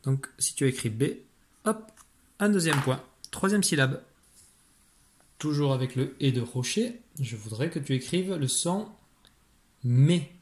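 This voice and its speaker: A man's voice: medium pitch, animated, a little slow, slight background noise. A man teaching young children in an online spelling lesson, patiently dictating syllables and spelling out sounds and letters. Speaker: primary school teacher.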